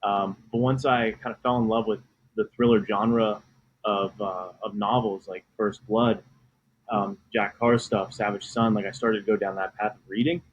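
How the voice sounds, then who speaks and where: Brief: deep-ish young male author, eager storyteller, dull remote audio with faint hiss. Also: steady tone, moderate pace. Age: 20s. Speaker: author guest. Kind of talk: casual podcast interview.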